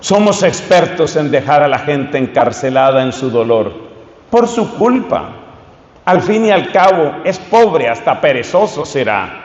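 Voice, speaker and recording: A man, a priest preaching a fervent sermon that rises to loud calls and leads the crowd in repeated chants. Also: on the high side, big pitch swings, a little slow. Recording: echoey hall, dull sound.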